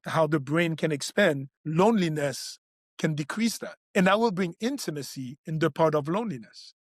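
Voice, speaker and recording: With a slightly high voice, a doctor who hosts a health podcast explains earnestly, often starting his sentences over. He's a man whose first language is French or Creole, not English. The studio-quality recording has no echo.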